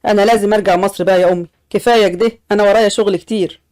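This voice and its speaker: A woman's voice: medium pitch, steady tone, rapid-fire, a little mellow, natural voice. Omar, a woman voicing a sad young brother. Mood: subdued. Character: young man, sad, quietly lovesick brother.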